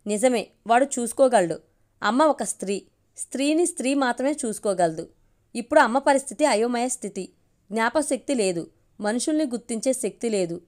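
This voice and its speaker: A woman's voice: fairly high pitch, lively intonation, moderate pace, darkish tone, lightly acted. A woman voicing a firm, dignified middle-aged wife and mother in a storybook reading, arguing in a reproachful way.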